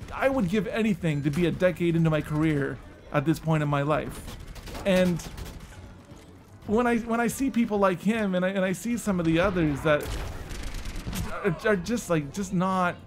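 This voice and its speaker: High-voiced man on a weary back-in-my-day rant. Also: moderate pace, a little hiss or hum. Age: 30s. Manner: emphatic repetition for stress. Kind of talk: casual off-the-cuff rant.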